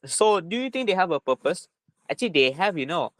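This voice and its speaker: A man's voice: sits high, sing-song, fairly quick, no room sound. A man with a Malaysian accent giving an informal lesson as a tutor, repeating himself and often tagging phrases with little checking words. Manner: repetitive, punctuating with "right?" and "lah". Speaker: chemistry tutor.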